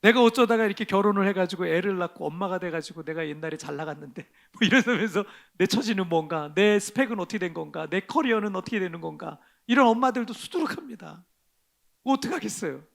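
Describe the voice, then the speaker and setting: A middle-aged male pastor preaching in a church, his voice pitched high with a gravelly edge. He talks in a conversational, self-deprecating way and swings from hushed lines to loud ones. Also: animated, quick pace. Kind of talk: sermon. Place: church sanctuary.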